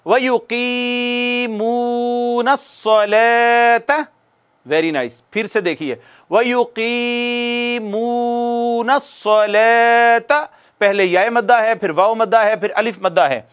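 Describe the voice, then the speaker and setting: A man teaching Quran recitation, explaining rules, quizzing his students and slowly chanting the examples. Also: sits high, animated. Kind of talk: recorded tajweed lesson.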